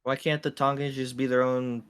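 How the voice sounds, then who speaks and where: A man's voice: mid-range voice, flat delivery, normal speed, clear, resonant tone. A man co-hosting a casual podcast chat, skeptical and argumentative, often laughing. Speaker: podcast co-host.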